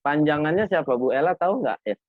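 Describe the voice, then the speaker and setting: A man's voice: fairly high pitch, animated, fast, no echo. A man casually interviewing a schoolgirl, prompting her with lots of tag questions over a call. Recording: dry, phone-like call audio.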